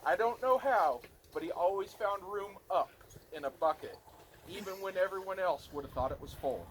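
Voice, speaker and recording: A man's voice: high-pitched, expressive, normal speed. A man reading a prepared eulogy for his grandfather from notes, now and then stumbling on a word. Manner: reads from notes with occasional stumbles on words. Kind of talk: prepared eulogy read aloud. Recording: clearly noisy recording.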